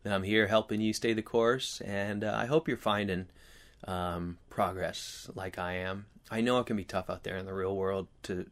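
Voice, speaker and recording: A man chatting casually to his viewers as host, earnest and reflective, with halting, rambling phrasing and a slight whistle on his s sounds. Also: lowish voice, fairly even intonation. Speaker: video host.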